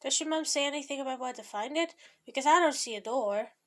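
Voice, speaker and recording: An eager young boy with a lifted, bright voice, chattering cheerfully and full of energy, as a woman reads him out in a storybook reading. He sounds upbeat even when let down. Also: high-pitched, fast talker. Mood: curious.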